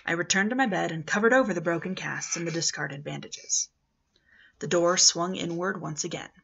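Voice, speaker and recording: This amateur audiobook narrator is a woman in her thirties reading a scripted novel at home in her living room into a webcam or laptop at arm's length. Her voice is on the low side, creaky, a bit bright and slightly rough, at normal speed, with the highs cut off.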